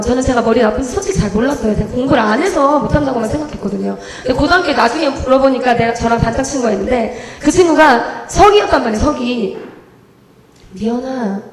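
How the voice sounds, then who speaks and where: Young woman evangelist telling her story fast, high voice, echoes around the church. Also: crowd noise. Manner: animated storytelling, acts out her own prayers and dialogue. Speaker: evangelist giving testimony. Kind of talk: testimony at a church service. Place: church sanctuary.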